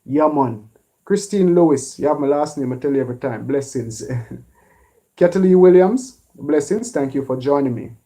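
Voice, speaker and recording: Jamaican male streamer, fairly high, warm mellow tone, laid-back shout-outs to viewers. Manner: relaxed, drawn-out shout-outs and blessings. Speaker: live stream host. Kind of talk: live stream chat, reading viewer names.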